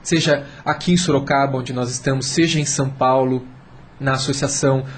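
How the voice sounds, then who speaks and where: A man with a Brazilian accent, a guest on a radio panel, explains and urges emphatically, repeating phrases to drive his point home in a persuasive discussion. His mid-range voice stays steady at a fairly quick pace, with clear background noise.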